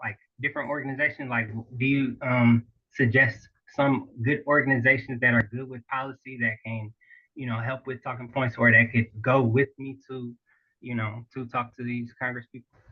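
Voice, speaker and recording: Flat, hesitant voice over dull audio. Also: medium pitch, normal speed. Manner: hesitant, filler-heavy. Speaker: webinar attendee asking a question. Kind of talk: question in a webinar.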